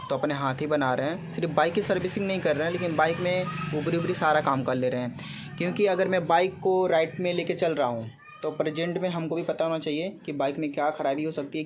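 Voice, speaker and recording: Talking fast in a fairly high voice, a Gorakhpur vlogger with an eastern Uttar Pradesh accent addresses his viewers casually. He explains things over and over with frequent check-in tags, and the recording is clearly noisy amateur vlog sound.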